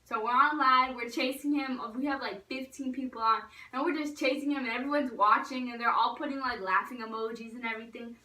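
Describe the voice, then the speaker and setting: Bright-voiced young woman in an echoey room. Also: fairly high pitch, steady tone, brisk, few pauses, distant mic. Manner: chatty storytelling, acting out quoted voices loudly. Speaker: vlogger. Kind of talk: casual storytime vlog.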